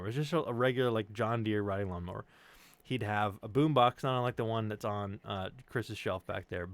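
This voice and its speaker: In a dry recording, a man with a mid-range voice and a neutral American accent shares personal stories casually. Hailing from the Chicago suburbs and Tennessee in the United States, he's animated, jokey, profane and prone to digressions.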